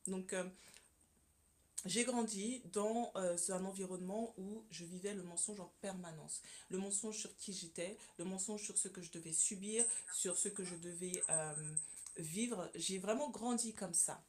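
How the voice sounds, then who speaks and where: This Congolese communication consultant, a guest on a radio interview, shares personal testimony in a studio at a measured pace. Her medium-pitched voice is a little mellow, and she sounds earnest while hesitating and repeating words often.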